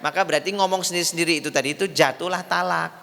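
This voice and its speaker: Bright-voiced preacher man. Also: on the high side, racing, creaky. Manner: patient, repeats points, asks audience if they understand. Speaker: Islamic preacher. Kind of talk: religious study lecture. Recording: hall reverb.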